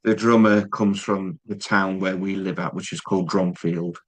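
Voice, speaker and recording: An interviewer speaks in a fairly low voice. He keeps the chat casual and jokey and pokes fun at himself. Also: fairly even intonation, moderate pace, husky, low-quality recording. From England. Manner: self-deprecating, jokey.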